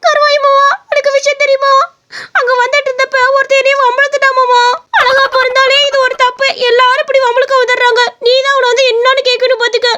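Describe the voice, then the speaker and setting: Woman voicing a sulky cheeky cartoon village girl, squeaky high and bright. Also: fairly even intonation, fast talker. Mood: whining. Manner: wailing and sulky, then sassy. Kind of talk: Tamil cartoon story voice acting.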